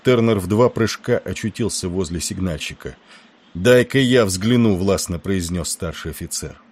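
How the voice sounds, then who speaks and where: A man narrating an audiobook war novel in a steady storytelling manner. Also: low voice, moderate pace, breathy edge.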